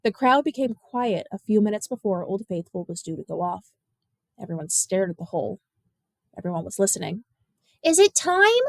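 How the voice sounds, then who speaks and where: A woman reading a novel aloud in measured, expressive storytelling narration. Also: mid-range voice, gravelly, dry recording, studio quality. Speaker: audiobook narrator. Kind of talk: scripted narration.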